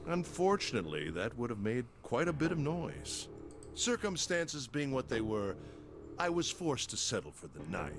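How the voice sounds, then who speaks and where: An actor playing a gloating, sadistic slasher killer in a video game, coldly polite and formal. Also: male voice, mid-range voice, big pitch swings, moderate pace. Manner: slasher killer relishing his words, formal and menacing. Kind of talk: dramatic video game voice acting. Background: game music.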